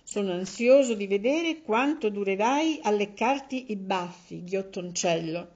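A crafty, greedy tomcat, as a woman reading a storybook puts him on, smug and knowing, with his voice dropped low. The sound is slightly dull and lo-fi. Her pitch sits in the middle range for a woman. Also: expressive, measured pace, a little mellow. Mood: mocking. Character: sly boastful male tomcat, greedy trickster.

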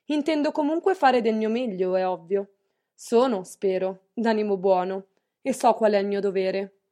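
A woman's voice: medium pitch, moderate pace, warm tone, lightly acted. A woman reading an audiobook, voicing a stern, wealthy middle-aged mistress who speaks curtly and severely. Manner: curt, severe, clipped.

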